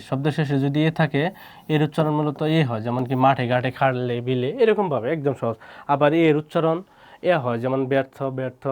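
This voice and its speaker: A man teaching a quick exam-prep grammar lesson, saying each example word twice and checking in with his students. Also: medium pitch, a little mellow.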